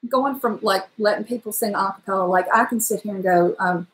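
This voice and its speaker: A middle-aged woman with a powerful, trained voice chats animatedly on a casual live stream from her home kitchen, gesturing and breaking into song now and then. Her pitch is medium and her pace fairly quick. The webcam sits at desk distance, so the audio is poor and the room sounds echoey.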